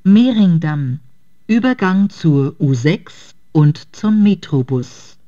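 Very slow woman's train intercom announcements. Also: lowish voice, expressive, over music. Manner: measured, clipped station calls. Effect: over a train intercom. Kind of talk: recorded station announcements. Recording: dull lo-fi intercom audio.

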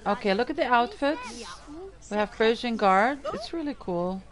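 Game music runs beneath a young Arabic-accented woman from the Middle East who is casually chatting with her stream as she plays. Her voice sits a little high, with lively intonation and a normal speed.

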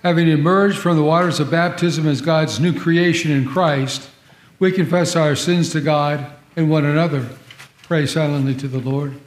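A male pastor leads the prayers in a slow, solemn cadence, his slightly high voice ringing through the cathedral echo of a large church sanctuary. Each phrase is measured and ceremonial. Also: fairly even intonation. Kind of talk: leading a liturgy.

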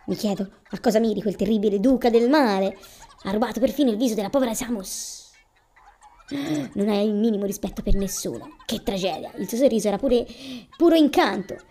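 A woman's voice: fairly high pitch, mellow, natural voice. A woman voicing a talkative old villager from a video game who tells a tale with drama and sorrow. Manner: dramatic storytelling. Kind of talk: reading video game dialogue aloud. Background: video game music.

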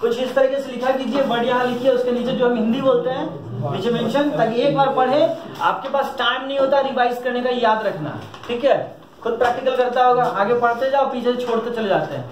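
Speaking fairly quickly at an extremely high pitch, a man jokes his way through a classroom lesson and keeps stopping to ask whether students follow. The sound is distant and echoey, as if recorded across the classroom.

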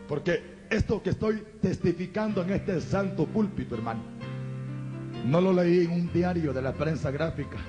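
A man's voice: high-pitched, normal speed, muffled recording, over music. A man from El Salvador with a Salvadoran Spanish accent, a former gang member giving an impassioned testimony from a church pulpit. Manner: impassioned, fervent preaching, bursts into shouting, speaks in tongues.

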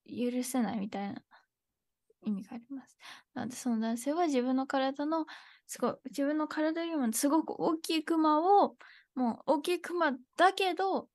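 A woman's voice: sits high, darkish tone, dry recording, clean studio sound. A young woman teaching Japanese in a casual live online lesson, chatty and thinking aloud, with frequent laughs.

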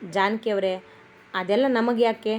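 A woman reading the lines of a shy, considerate young husband who answers quickly and politely. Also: mid-range voice, steady tone, darkish tone, natural voice.

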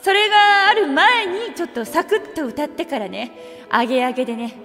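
Playfully greeting each viewer in turn, a virtual streamer chats casually on her karaoke livestream in an archaic, regal way of speaking. Her voice sits high and is a bit bright, with lively intonation at a moderate pace. Heavy reverb and background music color the recording.

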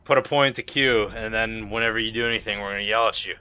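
Young guy gaming w friends, really bright edgy voice, lowish, swears a lot. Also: steady tone, quick pace. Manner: crude, joking, laid-back. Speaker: gaming streamer. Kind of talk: casual gaming banter.

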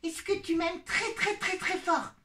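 A woman's voice: very high-pitched, fairly even intonation, measured pace, sharp tone, pitched above the performer's own voice, heavily acted. A woman puppeteer voicing a vain, boastful little boy teddy bear in a children's puppet show, in a sing-song childish voice.

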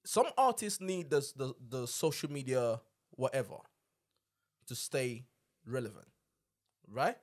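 On a close boom-arm microphone with a headset in a small, home-style podcast studio, a man hosts casually and emphatically, peppering his talk with slang and tags like "you know what I'm saying." His voice is mid-range and expressive, at a measured pace with frequent pauses.

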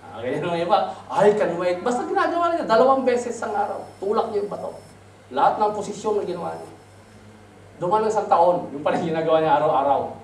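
A man preaching with a high, lively, swooping voice that drops to near whispers. He sounds far from the mic in a roomy church hall with faint noise in the background. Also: fast talker. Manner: animated, swings from loud to hushed. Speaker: pastor. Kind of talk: storytelling sermon, mixing Tagalog and English.

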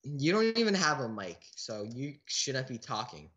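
A man's voice: medium pitch, sing-song, moderate pace, fairly bright tone, dull audio. A man giving casual let's play commentary, chatting in a restless way with a teammate who cannot be heard. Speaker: gaming channel host.

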